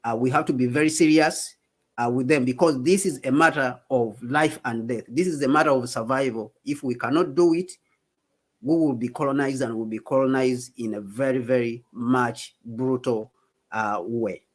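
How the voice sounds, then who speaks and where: A man's voice: medium pitch, normal speed. A man from South Africa giving impassioned, repetitive political commentary as co-host of a livestream. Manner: emphatic, repetitive, rallying tone. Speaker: co-host of a Pan-African talk stream.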